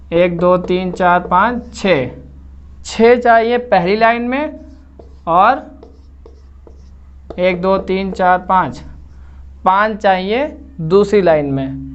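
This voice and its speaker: Man lecturing step by step, lo-fi. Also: sits high. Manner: explains step by step, keeps checking "okay?". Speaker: English literature teacher. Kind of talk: classroom-style lecture video.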